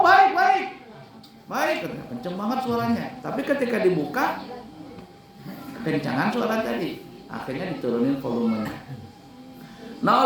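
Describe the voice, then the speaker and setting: A man's voice: sits high, noisy background. Man teaching, in an echoey room from afar. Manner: explains in plain talk and breaks into sung calls to prayer; asks students whether they understand. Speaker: religious teacher at an Islamic boarding school. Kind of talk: classroom lesson on calling to prayer, with sung demonstrations. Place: classroom hall at a boarding school. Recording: echoey room, recorded from a distance.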